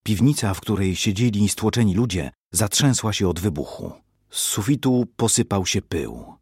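Male storybook narrator, expressive, dry close sound. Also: on the low side, normal speed, husky, dry recording.

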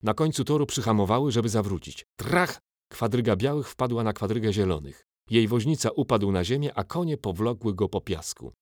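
A man narrating a children's storybook aloud, expressive and vivid. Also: lowish voice, brisk, dry recording, studio quality. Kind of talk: audiobook narration.

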